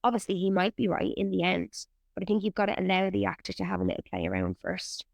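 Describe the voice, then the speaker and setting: Actress chatting loose and blunt, bit of fry in her voice, dry close sound. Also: on the low side, big pitch swings, quick pace, no echo. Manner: candid, swears freely, laughs often. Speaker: actor and writer guest. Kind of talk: casual interview chat.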